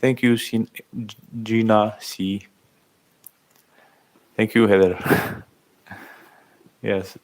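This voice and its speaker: A man in his thirties from Algeria, chatting casually on a livestream, reading out and thanking viewers' comments in halting speech. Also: fairly low pitch, fairly even intonation. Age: 30s. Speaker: livestream host. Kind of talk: casual live-stream chat.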